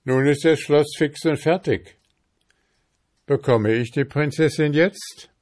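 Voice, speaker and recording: A man's voice: on the high side, animated, takes it slowly, vocal fry, warm tone, voice pushed up, full character voice. A man voicing a boastful, carefree young peasant lad in a storybook reading, calling out eagerly.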